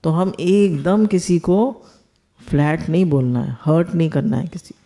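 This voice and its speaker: This is a spiritual teacher giving a discourse in a mellow, darkish voice. The talk moves through homely examples from family life. The teacher often turns to the listeners with rhetorical questions. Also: mid-range voice, unhurried. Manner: explains with everyday household examples.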